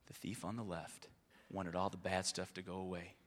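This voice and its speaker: A man preaching a sermon, moving from hushed, quiet lines to loud, emphatic ones. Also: low-pitched, level tone, moderate pace. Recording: long reverb of a large hall.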